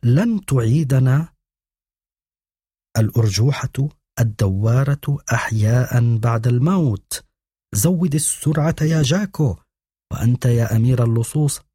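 A man voicing a brisk commanding woman who gives urgent, hushed orders to children in an audiobook. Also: lowish voice, lively intonation, husky, no echo, studio quality.

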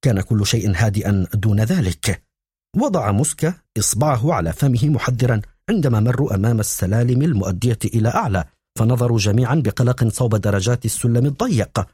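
A man narrating a novel in a steady storytelling manner for an audiobook. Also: mid-range voice, quick pace, slightly rough, no echo, clean studio sound. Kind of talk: scripted narration.

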